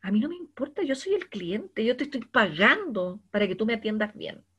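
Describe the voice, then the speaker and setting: A woman's voice: a little high, sing-song, fairly quick, breathy edge, muffled recording, heavily acted. Woman acting out an indignant hotel guest. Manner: loud, huffy, entitled.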